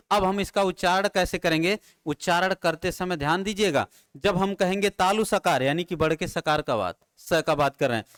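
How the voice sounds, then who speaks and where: A man's voice: high-pitched, a bit bright, smooth. Man drilling Hindi grammar terms. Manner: repeats key terms as questions and answers them himself; addresses students familiarly, drilling terms. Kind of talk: classroom lecture at a board. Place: classroom with a board.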